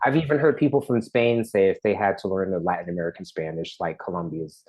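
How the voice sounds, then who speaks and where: A documentary artist from the East Coast, in his forties, chats in a casual interview with a fairly low voice. He thinks aloud, halting and restarting sentences often, and grows lively when a topic excites him before settling back down.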